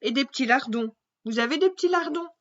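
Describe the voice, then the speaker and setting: A woman voicing a hungry, carefree young princess who loves grilled dragon, squeaky and cheerful. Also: lively intonation, brisk, a bit bright, dull audio. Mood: greedy.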